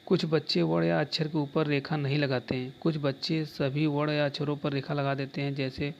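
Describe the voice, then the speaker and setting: A man's voice: fairly high pitch, little pitch movement, brisk, gravelly. A man teaching an exam-prep lesson, reading answers aloud step by step, often repeating terms and saying "dekhiye". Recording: slightly dull lo-fi recording with faint background noise.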